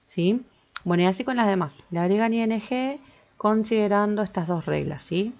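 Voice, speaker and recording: Her medium-pitched voice a little mellow, an English teacher walks her students through grammar at a moderate pace. Patient throughout, she goes over points again and again, checking with "¿sí?". The lo-fi recording sounds slightly dull.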